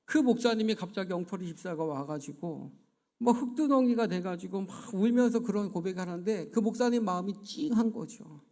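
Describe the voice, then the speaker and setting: Male pastor, high voice, earnest storytelling sermon in a church, acting out the characters' words. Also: animated, fairly quick, darkish tone. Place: church sanctuary.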